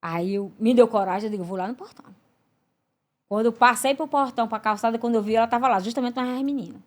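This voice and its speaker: A woman, a podcast guest giving a religious testimony, telling her story in an animated way and acting out the voices in it. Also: fast. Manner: animated storyteller, acts out voices with big pitch swings.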